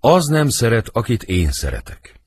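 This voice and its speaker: A man reading the part of Romeo, a brooding lovesick young nobleman, in husky, lyrical verse for an audiobook. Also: big pitch swings, a little mellow. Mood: wistful. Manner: lyrical verse reading, wide swings in pitch.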